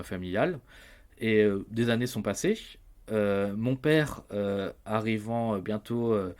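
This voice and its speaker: A man in his thirties from France with a fairly low voice, talking casually as a podcast guest. He hesitates often, filling pauses with small sounds and restarting his sentences. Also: darkish tone. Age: 30s. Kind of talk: casual personal storytelling.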